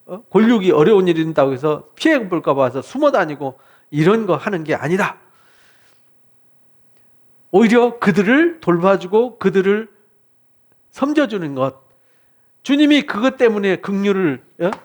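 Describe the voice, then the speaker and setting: A pastor from South Korea delivers an expository sermon in a high, lively voice. He preaches with fervor, firing questions at his listeners and acting out the words of the people he describes. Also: moderate pace, pauses often.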